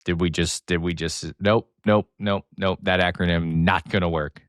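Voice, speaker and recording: Male podcast host, lowish voice, mumbly and excitable, dry close mic, rambling solo sports chat. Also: normal speed, dry recording. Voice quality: slight speech impediment, mumbly. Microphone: close desk mic, sometimes turning off-axis.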